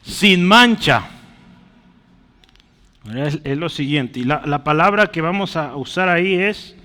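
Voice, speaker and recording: Man preaching, slightly high voice, lively rises and soft drops, long hall reverb. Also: moderate pace. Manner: teaching at a whiteboard, asking the congregation along; lively, rises loudly on key phrases, then drops soft. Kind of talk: sermon. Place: church hall.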